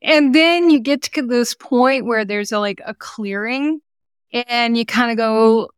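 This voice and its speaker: A woman business coach talks through her work in a relaxed interview, sounding earnest and encouraging. Her voice is smooth and resonant. The sound is dry and close, with almost no room in it. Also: a little high, unhurried, no room sound. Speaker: business coach for mothers, podcast guest. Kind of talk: conversational interview.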